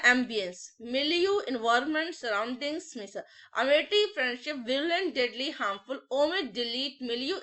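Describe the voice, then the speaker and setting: A woman's voice: high-pitched, fairly bright tone. A woman teaching an English vocabulary class, repeating each word and its meaning in drills and calling her students children. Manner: repetitive, drills words in lists, addresses students as children. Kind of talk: classroom vocabulary lesson with memory tricks.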